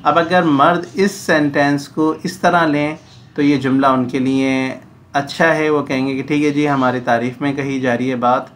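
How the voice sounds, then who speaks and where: A man's voice: mid-range voice, little pitch movement, normal speed, fairly bright tone, slight background noise. A man teaching a grammar lesson, explaining in Urdu mixed with English phrases.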